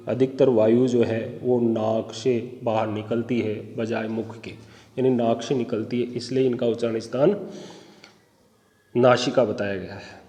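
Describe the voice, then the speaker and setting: A man teaching an exam-prep Sanskrit phonetics lesson, speaking slowly and deliberately, spelling out sounds one by one and addressing viewers as friends. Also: medium pitch, dark tone, in a large hall.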